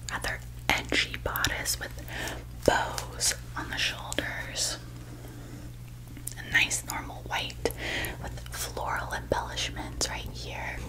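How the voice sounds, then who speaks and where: A woman doing a whispered role-play as a gentle fairy designer attending to a customer, in a soft breathy voice. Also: poor audio. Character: gentle female fairy designer showing customer clothes and crowns.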